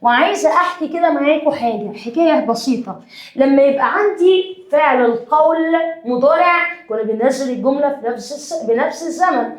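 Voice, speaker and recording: A woman with an Egyptian accent teaching an English grammar lesson. She dictates slowly and often checks in with her students. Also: sits high, roomy sound. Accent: Egyptian Arabic.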